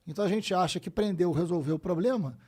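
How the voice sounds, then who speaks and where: Rio guy in his 50s, high voice, rattles off stories fast, curses a lot. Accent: Rio de Janeiro Portuguese. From Brazil. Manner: animated, swears freely, acts out quoted dialogue. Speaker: guest. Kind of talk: casual podcast storytelling.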